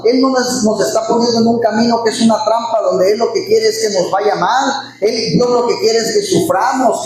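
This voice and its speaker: A man preaching a Sunday sermon, fervent and repeating his phrases, calling his listeners brothers. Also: high-pitched. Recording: very echoey hall, faint background noise.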